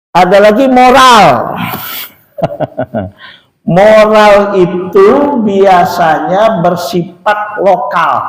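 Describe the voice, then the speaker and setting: A male preacher giving a Sunday morning mosque sermon, joking and asking the congregation questions. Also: sits high. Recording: echoey mosque hall.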